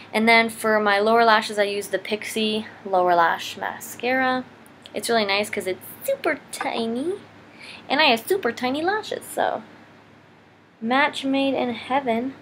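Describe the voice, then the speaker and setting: A young adult beauty vlogger talks through her makeup as she works, casual, rambling and quick to make fun of herself. Her medium-pitched voice has a fairly bright tone. She is indoors in her living room, recorded on a noisy home camera.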